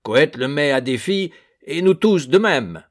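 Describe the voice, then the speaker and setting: A man's voice: fairly high pitch, expressive, measured pace, pitched above the performer's own voice. A man voicing a surly, sceptical fisherman with a grumbling manner. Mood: insistent.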